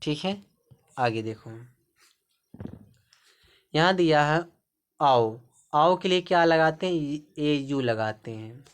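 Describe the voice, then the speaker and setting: A man's voice: on the high side, lively intonation, slow pace, pauses often, clean tone. A man teaching a spelling lesson, patiently spelling out words letter by letter. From India. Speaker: English teacher.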